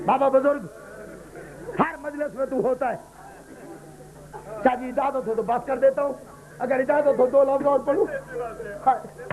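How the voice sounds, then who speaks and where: Very high-voiced man wailing a lament. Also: steady tone, long pauses, phone-quality sound. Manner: wailing, pleading, addresses listeners directly. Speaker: zakir reciting at a mourning gathering. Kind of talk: impassioned mourning recitation. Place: mourning gathering with a crowd. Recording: live gathering with crowd noise. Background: crowd of mourners.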